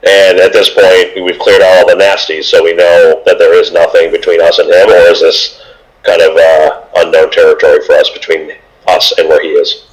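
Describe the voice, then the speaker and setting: A man playing a tabletop game, casually thinking out loud about what his party should do. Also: low-pitched, level tone, moderate pace, rough recording. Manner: thoughtful, deliberating aloud. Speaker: player.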